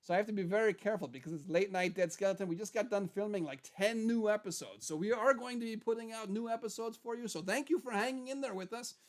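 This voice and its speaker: A man's voice: high-pitched, quick pace, few pauses, lightly acted. A man voicing a chatty skeleton show host in casual livestream talk, rambling and repeating phrases for emphasis. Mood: chatty, upbeat. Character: animated skeleton character, chatty male puppet show host. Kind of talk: casual in-character livestream chat.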